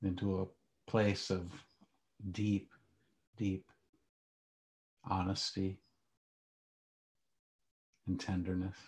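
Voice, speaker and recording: A man teaching meditation, leading a calm grounding exercise in short, hushed phrases with long pauses. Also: low voice, poor audio.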